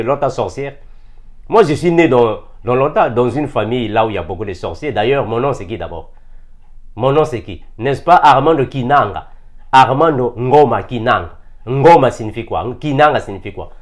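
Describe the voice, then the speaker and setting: With a medium-pitched, expressive voice at a moderate pace, a man from Africa delivers a fervent sermon to his fellow believers. He hammers home key phrases through repetition and leans on rhetorical questions for emphasis.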